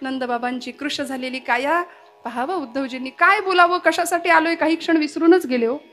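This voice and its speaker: A woman's voice: high voice, brisk, fairly bright tone, soft background music. A woman performing a devotional kirtan sermon. She tells the story with passion and chants Sanskrit verses between her sentences. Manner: impassioned storytelling, chant-like recitation.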